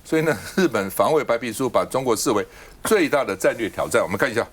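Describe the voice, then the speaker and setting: A man's voice: mid-range voice, animated, quick pace. A man hosting a political talk show, arguing his points with a stream of rhetorical questions into a studio mic. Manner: argumentative, fires off rhetorical questions.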